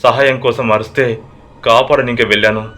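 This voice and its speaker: A man's voice: medium pitch, steady tone, normal speed, fairly bright tone, soft background music, natural voice. A man voicing a frightened young man fleeing a ghost in a horror story, panicked and pleading.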